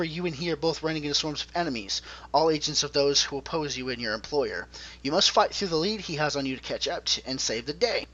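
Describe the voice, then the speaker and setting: A gaming podcast host speaks in a slightly high, sharp-toned voice over a conference call. He's chatty and explains things at length, and the call audio sounds dull and lo-fi.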